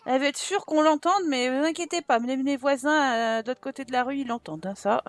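A woman's voice: high voice, fairly quick. A woman commenting casually on a life-simulation game, chatty and teasing as she scolds the game characters. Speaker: gaming YouTuber. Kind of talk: casual let's-play commentary.

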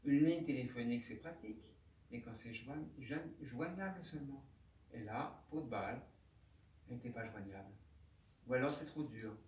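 A man, a doctor, gives a personal testimony talk at a conference, speaking haltingly with aphasia and often repeating his words. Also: mid-range voice, darkish tone. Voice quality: speech marked by aphasia. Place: conference room. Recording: roomy hall, distant mic, faint ambience.

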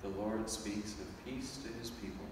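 A man leading Mass as priest, reciting set prayers in a measured, steady way into a church microphone. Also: fairly low pitch. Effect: speaking into a church microphone, amplified through the church. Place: large church. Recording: echoey church from a distance, faint hum.

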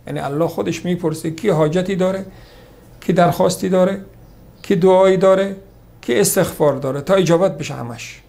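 Man teaching religion, kinda high voice w/ a gravelly edge, talks it through casually, repeats himself. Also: a little mellow. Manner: slows to recite Arabic hadith, then explains in Persian; conversational lecturing, repeats points. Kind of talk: sermon on hadith.

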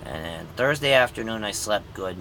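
With a fairly low, expressive voice, a bright and forceful tone, and a normal pace, a grandfather in his fifties who drives a truck rambles through a laid-back vlog update for viewers, with lots of ums, admitting he's tired. It's a rough phone recording made at arm's length inside his cab, with slight background noise.

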